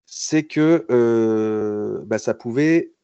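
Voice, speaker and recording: A man's voice: mid-range voice, drawn-out words, clean tone, dry recording. A young man from France chats as a guest. His talk is loose and friendly, full of fillers, jokes and false starts. His mid-range voice comes through on a dry mic with a slightly dull sound. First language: French. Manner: relaxed, joking, many fillers and restarts. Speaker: guest concept artist. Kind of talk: casual storytelling in a livestream interview.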